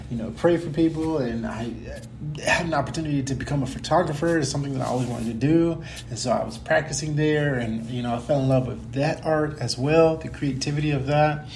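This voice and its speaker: A man's voice: mid-range voice, a little mellow, a little hiss or hum. Earnest man rambling, with a slight cold. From United States. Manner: earnest, rambling with self-corrections. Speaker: podcast host. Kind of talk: casual personal talk.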